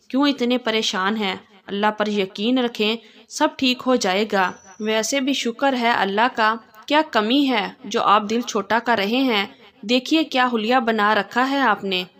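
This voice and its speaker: A woman's voice: fairly high pitch, a bit bright. A woman voicing a sweet, teasing young wife in a read-aloud story. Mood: reassuring. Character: cheeky loving young wife.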